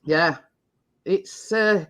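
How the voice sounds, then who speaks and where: Woman baking host, casual live-stream chat, unhurried, rambling and repetitive. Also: on the low side. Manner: rambling, repeats herself, chatty.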